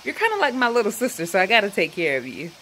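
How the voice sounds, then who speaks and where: A woman's voice: medium pitch, huge pitch swings, fast talker, slight background noise, rough recording. A woman voicing a chatty, friendly male cab driver who talks to her in a familiar, reassuring way. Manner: warm, familiar, reassuring talk.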